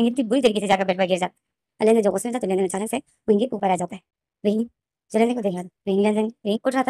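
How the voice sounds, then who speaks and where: A woman rushes through a retelling of her own fan fiction, stumbling and restarting as the scenes pile up. Her voice is mellow and dark-toned. The sound is close and dry. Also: medium pitch, no echo. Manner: rapid, emotional retelling with many restarts. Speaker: fan fiction author and narrator. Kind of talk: storytelling narration.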